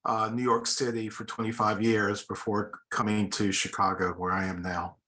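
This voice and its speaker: Man, from north carolina, bright voice, forceful, matter-of-fact, video call. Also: on the low side, little pitch movement, moderate pace. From North Carolina, United States. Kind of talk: casual self-introduction.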